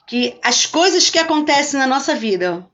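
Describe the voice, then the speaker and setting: Uma pastora falando numa live devocional, conversando à vontade e cumprimentando os espectadores pelo nome. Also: female voice, high voice, lively intonation, normal speed, a bit bright, lo-fi sound. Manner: talks chattily and greets viewers by name. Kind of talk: live-streamed devotional talk.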